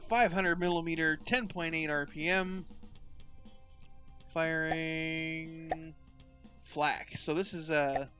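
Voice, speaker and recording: A man's voice: fairly high pitch, fairly bright tone. A man streaming casual game commentary, rambling through weapon stats and chuckling at himself. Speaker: streamer and tournament caster.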